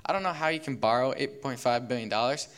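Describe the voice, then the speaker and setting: A young man giving a relaxed sermon, full of fillers, who acts out the figures of a parable in quick voices. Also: mid-range voice, clean tone. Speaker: youth speaker. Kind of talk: casual sermon.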